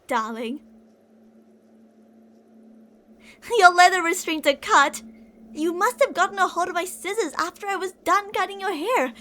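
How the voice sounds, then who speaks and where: In an ASMR roleplay, a woman plays an older, obsessive yandere kidnapper who is possessive and menacing yet sweet-talking. Her high, very animated voice is heavily acted and theatrical, a teasing sing-song of sugary endearments and threats. The mood is menacing.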